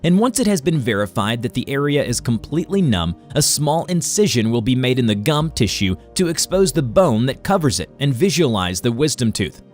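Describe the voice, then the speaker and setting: A man narrates an educational medical explainer. His delivery is formal and instructional, with a mid-range voice and animated intonation. Faint music plays behind him. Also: medium pitch, brisk, hardly any pauses.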